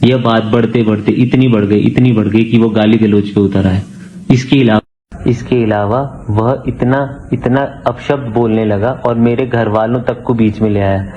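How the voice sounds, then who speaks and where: A man's voice: lowish voice, fairly even intonation, moderate pace, lo-fi sound. A man, a doctor, giving an earnest, aggrieved statement on video and repeating phrases for emphasis.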